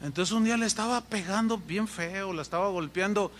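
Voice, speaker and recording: A Mexican man preaching a sermon as pastor, emphatic, pausing and repeating words for effect, heard with long hall reverb. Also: high voice, fairly bright tone.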